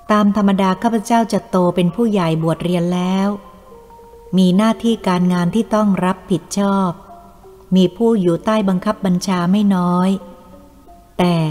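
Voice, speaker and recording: A woman narrating a first-person memoir as an audiobook, in a calm, measured storytelling manner. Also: mid-range voice. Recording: echoey room, faint music.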